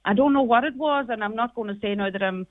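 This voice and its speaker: A woman's voice: fairly high pitch, fast, no room sound. A middle-aged woman with a Donegal Irish accent, speaking as a radio interview guest and recalling personal experience. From Carrigart, County Donegal, Ireland. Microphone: phone call. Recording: narrow tinny phone line.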